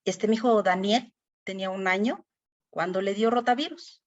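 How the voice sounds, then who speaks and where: A woman's voice: mid-range voice, normal speed, lo-fi sound. A middle-aged woman, sharing a personal faith testimony in a Bible study class, earnest and emotional with many fillers.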